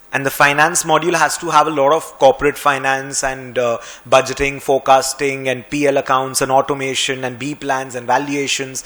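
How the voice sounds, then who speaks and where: A man with an Indian English accent, a finance and Excel trainer talking through a screen-recorded software tutorial in a brisk, conversational way with a touch of sarcasm. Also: on the high side.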